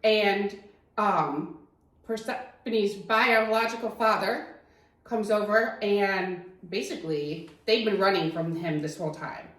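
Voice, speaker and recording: A chatty woman co-hosting a podcast in a relaxed book discussion. Her voice sits at a middle pitch, and she asks questions and laughs along with her partner. The room around her is echoey. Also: slow. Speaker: podcast co-host. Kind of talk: casual book-club chat.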